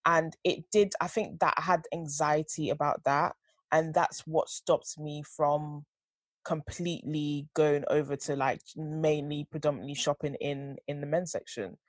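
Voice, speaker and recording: A woman's voice: low voice, steady tone, a little slow, no echo. A young woman chatting casually as a podcast co-host, slangy and emphatic, often checking that she is understood. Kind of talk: casual conversational podcast chat.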